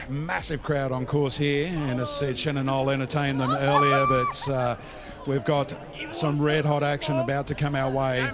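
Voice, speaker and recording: A man's voice: on the high side, very noisy. An Australian man hosting greyhound racing coverage and giving form and picks like a betting tipster. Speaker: racing broadcast host and tipster.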